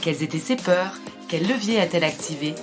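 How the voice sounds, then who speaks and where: A woman with a French accent hosting a podcast, reading a measured scripted intro and then chatting with her guest. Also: on the low side, over music. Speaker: podcast host.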